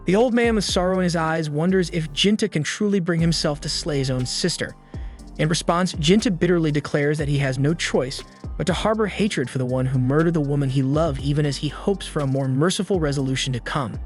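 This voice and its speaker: A man's voice: fairly high pitch, a little fast, soft background music. A man reading a scripted story recap in a casual, slangy storytelling manner. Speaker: recap narrator. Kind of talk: scripted narration.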